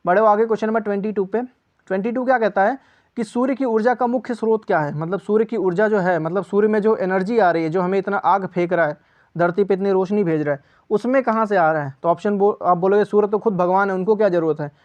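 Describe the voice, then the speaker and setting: A man's voice: high voice, fast, lo-fi sound. A man teaching a casual quiz lesson, chatty, asking viewers for answers and repeating each key answer as question and reply. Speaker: exam-prep teacher.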